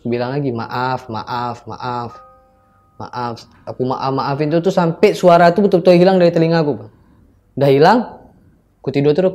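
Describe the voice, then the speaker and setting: A young man from Aceh, casually telling of his own experience as a guest and acting out the dialogue as he goes. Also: fairly high pitch. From Aceh, Indonesia. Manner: lively retelling that acts out quoted dialogue. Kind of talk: casual spoken storytelling.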